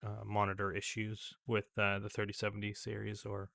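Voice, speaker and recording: Halting, gravelly man narrating a screen recording. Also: lowish voice, monotone, fairly bright tone. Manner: rambling, halting, many fillers and restarts. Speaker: tech vlogger. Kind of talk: casual screen-recording commentary.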